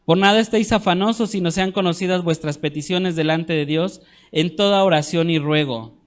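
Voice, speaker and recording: A man teaching a church discipleship class, earnest, often checking in with his listeners and slowing down to stress scripture. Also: sits high.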